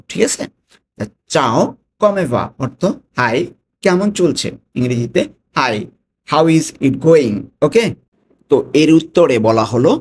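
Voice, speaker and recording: A man giving a spoken language lesson, repeating example phrases slowly and lifting his voice on each one. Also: medium pitch, slight background noise. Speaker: language tutor.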